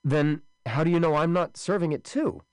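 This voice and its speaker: A man doing frightened grown man on trial, agitated, pleading, raised higher voice, dry sound. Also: moderate pace, a little mellow, smooth, no echo, close to an everyday voice.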